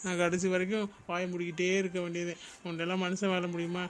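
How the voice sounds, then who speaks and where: A man's voice: high voice, completely flat delivery, quick pace, natural voice. A man voicing Santhosh, a playful, mocking young husband in a cartoon, joking at his wife's expense.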